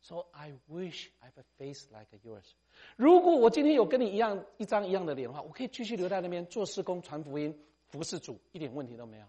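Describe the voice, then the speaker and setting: A middle-aged missionary preacher, his voice pitched a little high for a man. His delivery is highly animated and swings up and down as he talks. He keeps it conversational, sprinkling in English words and ending phrases with a friendly "ha". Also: very fast, husky. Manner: animated, tags sentences with "ha", mixes in English phrases. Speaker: missionary speaker. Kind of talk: sermon.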